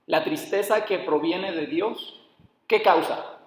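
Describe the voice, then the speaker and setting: A man with a high voice delivers a sermon, often stopping to ask his listeners questions. His words ring out in a large, echoing hall with a long reverb tail. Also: slow pace. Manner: addresses listeners as brothers, asks rhetorical questions. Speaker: preacher. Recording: echoey hall.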